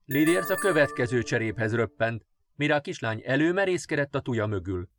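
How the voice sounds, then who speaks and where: A man narrating children's fairy tales in a gentle, expressive reading. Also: medium pitch, background noise. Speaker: audiobook narrator. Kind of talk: storybook narration.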